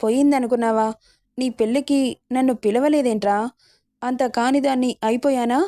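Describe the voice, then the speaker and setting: A woman's voice: a little high, steady tone, normal speed, warm tone, no room sound, clean studio sound, natural voice. A woman voicing an elderly grandmother in a spoken storybook, complaining theatrically. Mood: wailing. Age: older.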